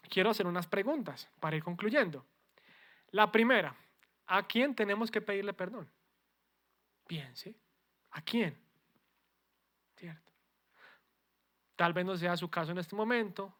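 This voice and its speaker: A male pastor delivers a sermon. He keeps checking in with his listeners through quick rhetorical questions. His delivery rises to forceful emphasis, then drops to quiet, low asides. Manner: peppers talk with rhetorical questions to the congregation; swings between loud emphatic lines and soft low asides.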